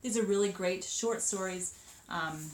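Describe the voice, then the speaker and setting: A woman in her thirties chatting upbeat about children's books, with lots of ums and quick asides. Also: medium pitch. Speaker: children's book seller. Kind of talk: casual book showcase. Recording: echoey room with faint noise.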